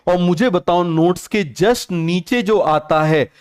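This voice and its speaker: Slow and high, with a clear, resonant tone, a young man's voice leads an online biology class. He repeatedly asks and answers his own questions, says each term again and again, and uses English terms within his Hindi.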